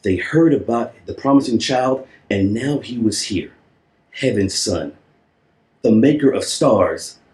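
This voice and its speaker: A man with a medium-pitched, somewhat dark voice reads a children's storybook aloud, playful and theatrical, stretching and repeating words for effect and tossing in playful asides. The recording is roomy and echoing.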